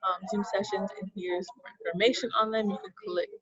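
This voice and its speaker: Over a video call, a young woman leading student orientation shares her screen and walks through campus web links, upbeat, chatty, full of fillers, and hiccuping. She's a young adult with a steady, mid-range voice at a fairly quick pace, in a muffled recording with a crowd behind her.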